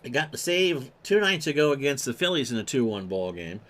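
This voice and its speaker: A man's voice: medium pitch, very animated, fairly quick, fairly bright tone. A man doing play-by-play commentary of a replayed baseball game, reeling off stats in clipped lists and erupting on big plays. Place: home streaming setup.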